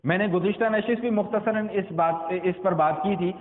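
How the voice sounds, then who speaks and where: A man preaching a Friday sermon, repeating his phrases and answering his own rhetorical questions. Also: sits high. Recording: echoey hall, thin phone-like sound.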